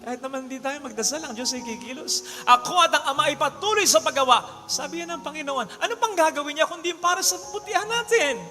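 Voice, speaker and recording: High, bright-voiced priest preaching. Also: male voice, fast talker, hardly any pauses. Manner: animated, swings between loud exclamations and hushed lines, mixes English into Tagalog. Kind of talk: sermon with storytelling. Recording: long hall reverb with faint music behind.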